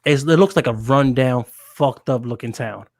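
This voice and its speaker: A man's voice: mid-range voice, moderate pace, creaky. A man on a video call telling a story in a laid-back, slangy way, checking in with "right?" as he goes. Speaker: podcast guest. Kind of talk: casual storytelling chat.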